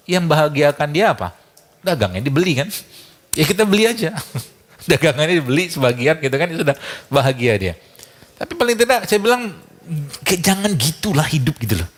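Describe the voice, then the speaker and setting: A man giving a casual talk full of anecdotes. He chuckles often and acts out the dialogue he quotes. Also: mid-range voice.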